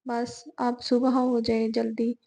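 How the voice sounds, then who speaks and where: Woman reader as young heroine; soft, caring, low-key gravelly delivery. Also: monotone, slow pace.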